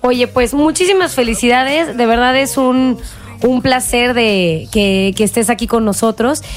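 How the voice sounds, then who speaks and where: A woman co-hosts a relaxed radio interview in a fairly high voice, friendly as she congratulates the guest and asks him questions. Soft music plays faintly under her. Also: measured pace. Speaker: radio co-host.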